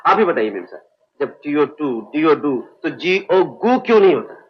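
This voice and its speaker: A man's voice: a little high, sing-song, normal speed, breathy edge. An actor playing a puzzled man in a comedy film scene, grumbling indignantly about spelling and pleading for an answer. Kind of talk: 1970s Hindi film comedy dialogue. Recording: dull lo-fi old film soundtrack.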